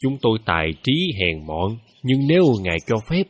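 An actor playing a proud but courteous village chess master who chuckles easily. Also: male voice, fairly low pitch, sing-song, a little fast. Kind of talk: radio play acting.

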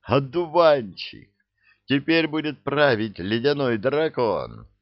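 A man voicing a scheming, excitable male swindler in an audiobook, with a whiny manner. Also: medium pitch, slow, no room sound, highs cut off, pitched above the performer's own voice. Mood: panicky.

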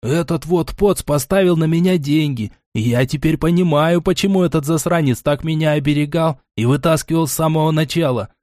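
A man reading an audiobook, voicing an enraged male fighter who shouts accusations with bitter sarcasm. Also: on the high side, brisk, few pauses, no echo, clean studio sound, voice pushed up, lightly acted. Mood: furious. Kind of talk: audiobook character voice.

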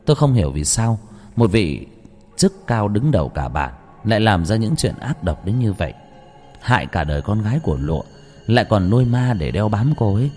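A man narrating a first-person ghost story dramatically, at times shouting in anguish. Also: on the low side, sing-song, normal speed. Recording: reverberant with background music.

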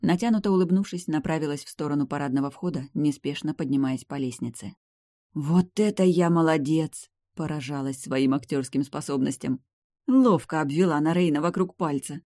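A reader narrating a first-person story in an audiobook, in a steady, even storytelling voice. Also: mid-range voice, brisk, no room sound, studio quality.

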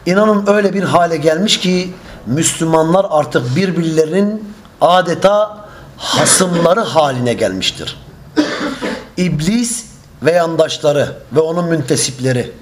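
A man preaching a religious lesson, measured and emphatic, stretching out key phrases. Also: sits high, a little hiss or hum. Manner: quick chanted Arabic opening.

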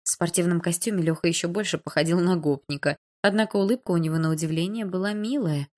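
A woman narrating a novel in the first person with calm, even reading. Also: lowish voice, fast. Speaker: audiobook narrator.

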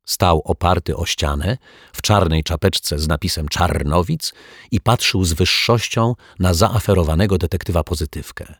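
A man narrating a children's story in an expressive, unhurried manner. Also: sits low, breathy edge, no room sound, studio quality.

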